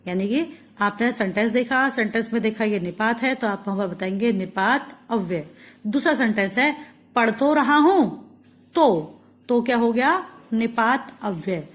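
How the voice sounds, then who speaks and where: A woman from India teaching a Hindi grammar lesson, patiently explaining step by step and reading example sentences slowly. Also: a little high.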